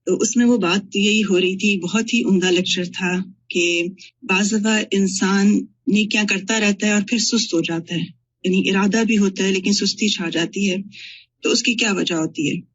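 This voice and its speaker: A woman with a husky, breathy voice speaks earnestly in a religious class discussion, recounting points from a lecture as a student. The recording sounds dull and lo-fi. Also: medium pitch, fairly even intonation, moderate pace.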